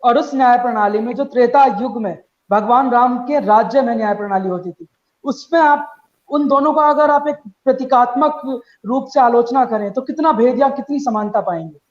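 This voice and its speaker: A woman's voice: fairly high pitch, normal speed, a little mellow, echoey room, lo-fi sound. A woman anchoring a TV debate, asking the panelists questions politely and acknowledging them often. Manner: polite, with frequent short acknowledgments.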